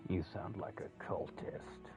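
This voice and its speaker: A man giving casual, wry and blunt commentary while he plays a video game. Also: slow pace. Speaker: game streamer. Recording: dull lo-fi mic, faint game music.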